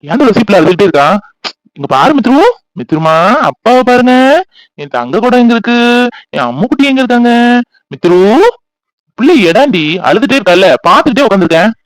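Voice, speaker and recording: A playful young husband from a cartoon, voiced by a man. He talks fast and a little high, teasing his wife and cooing at the baby. The recording is dry and close. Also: lively intonation, dry recording, low-quality recording. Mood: doting.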